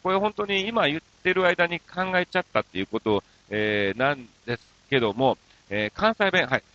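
Reading listener letters on his radio show, this man banters playfully and pokes fun at himself, blending standard Tokyo speech with Kansai dialect. He sounds very animated, bright, and forceful in a high-ish voice at a moderate pace, with no room sound and the highs cut off.

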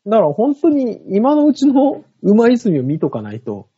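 A man's voice: high voice, wildly swooping pitch, normal speed, slightly rough. A man co-hosting a chat show, mostly chiming in with short agreements and dry quips. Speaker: co-host. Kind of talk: casual chat, backchanneling. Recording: dull, dry studio sound.

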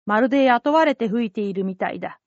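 A woman voicing a gruff, fatherly old fisherman who talks low and quietly in a rustic way. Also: expressive, fast talker, no room sound, lo-fi sound, lightly acted. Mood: soothing. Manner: low, subdued country talk.

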